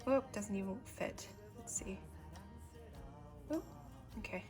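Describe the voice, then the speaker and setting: Over gentle background music, a woman who vlogs about stationery chats her way through a relaxed show-and-tell. Her voice is mid-range, her pace leisurely, and she fills it with ums and side comments while working.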